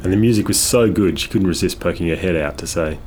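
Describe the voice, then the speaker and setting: A man reading a children's storybook aloud in a measured, expressive way. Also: low voice, a little hiss or hum. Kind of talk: scripted storybook narration. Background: guitar music.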